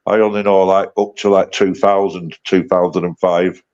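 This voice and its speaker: A man's voice: deep voice, little pitch movement, normal speed, a little mellow. A man in his late fifties chatting casually on a livestream, blunt and sweary, rambling through his banter. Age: 50s. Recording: dull lo-fi stream audio.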